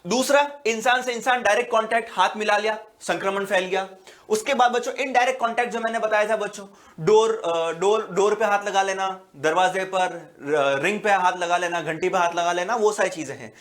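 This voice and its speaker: A male biology teacher with a high-pitched, fairly bright voice gives an exam-prep lecture, speaking patiently and often checking that students follow. He explains slowly, repeating "बच्चों" and "है ना" a lot, filling pauses with "अ" and restarting words.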